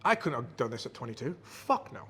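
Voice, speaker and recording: A man's voice: mid-range voice, fairly quick, a little hiss or hum. A man in his thirties, a guest on a podcast, talking animatedly in casual chat with lots of swearing. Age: 30s. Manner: animated, swearing, laughing, putting on voices.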